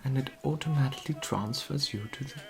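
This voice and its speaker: A performer in an ASMR role-play as a genteel period society lady, gossiping softly and confidingly at a tea parlour. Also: mid-range voice, fast talker, gravelly, close to an everyday voice. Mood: chatty, admiring. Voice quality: soft-spoken.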